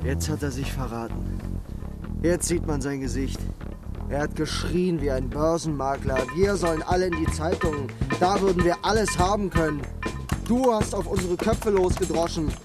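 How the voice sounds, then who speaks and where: A man plays a scornful rebel in an angry mob, hurling accusations in a high voice for a man. Loud music runs under the scene. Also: sing-song, moderate pace. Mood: contemptuous. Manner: accusing, contemptuous. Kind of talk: stage play performance.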